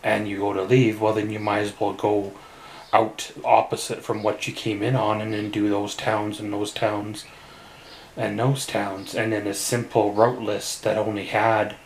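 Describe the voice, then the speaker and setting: A Canadian man rambles through a casual solo vlog, sounding weary and subdued, stopping often for long pauses. His voice is lowish and flat, and the echoey, roomy recording carries slight background noise.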